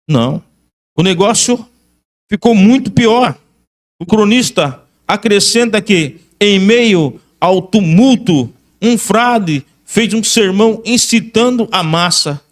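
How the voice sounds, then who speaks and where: A man with a Brazilian Portuguese accent and a voice that sits high gives a history lecture as a religious teacher. He alternates between reading aloud and commenting, emphatically repeating key phrases.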